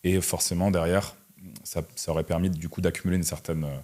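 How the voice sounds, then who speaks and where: Speaking in a very low, darkish voice, a Russian guest in his twenties answers interview questions casually and a little fast. He makes online content and runs a business, and his flat delivery is peppered with slang and conversational tags.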